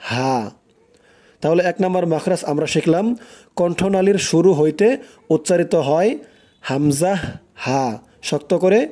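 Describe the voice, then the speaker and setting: Male teacher, fairly high, warm tone, patient drill-style delivery, says each sound over and over. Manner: repeats each letter sound slowly and firmly for the listener to copy. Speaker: Quran recitation teacher. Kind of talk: recorded pronunciation lesson.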